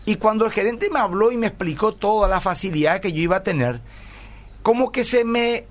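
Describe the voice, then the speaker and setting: A man's voice: high-pitched, lively intonation, fairly quick. A middle-aged man, a pastor hosting a radio call-in program, telling stories earnestly and often asking "¿verdad?". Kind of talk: radio call-in talk, answering listener messages.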